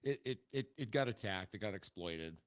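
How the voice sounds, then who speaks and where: A man's voice: lowish voice, expressive, normal speed. A man co-hosting a casual podcast, explaining crypto with repeated stammered starts. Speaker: podcast co-host.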